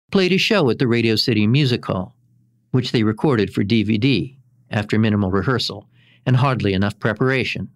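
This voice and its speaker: A man reading a scripted music documentary narration in a measured, even way. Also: medium pitch, dry recording, clean studio sound. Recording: music bed behind the voice.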